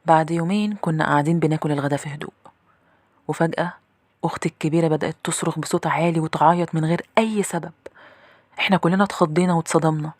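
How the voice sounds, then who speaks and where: A woman's voice: deep voice, no room sound. A woman with an Egyptian accent narrating a first-person horror story in a tense, confiding way. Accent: Egyptian Arabic.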